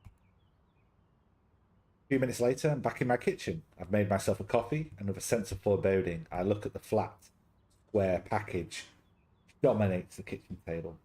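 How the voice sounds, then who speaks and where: A man's voice: low-pitched, brisk, warm tone. A young man casually reading a story game aloud on a stream, chatty and easily sidetracked into jokes. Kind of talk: casual live-stream chat and game narration.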